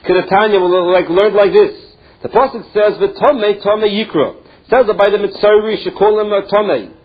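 Man, Talmud lesson, high voice, dull lo-fi recording. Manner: halting, explains each phrase in English. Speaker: Talmud teacher.

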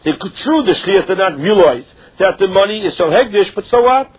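Male Talmud teacher, high husky voice, Yiddish-influenced accent, question-and-answer explaining, lo-fi sound. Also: animated, moderate pace. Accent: Yiddish-influenced English. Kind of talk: religious text lesson, reading and explaining. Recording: dull lo-fi recording.

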